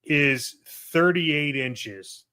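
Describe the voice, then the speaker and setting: Very slowly yet animatedly, an American man co-hosting a podcast chats in slangy, informal style, leaning heavily on "like" and "right?". His fairly high voice comes across bright and forceful.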